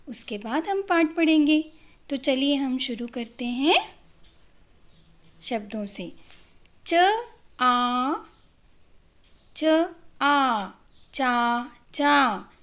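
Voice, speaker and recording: A woman teaching young children to read, sounding out syllables one at a time in a patient, drawn-out way. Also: sits high, fairly bright tone. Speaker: primary school teacher. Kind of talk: Hindi phonics lesson for young children.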